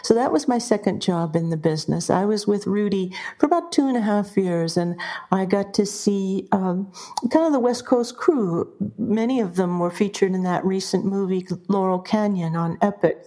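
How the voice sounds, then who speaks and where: Warm-voiced older woman telling stories. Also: mid-range voice, moderate pace. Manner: lively, vivid storyteller. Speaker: guest, audio technician. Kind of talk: storytelling interview.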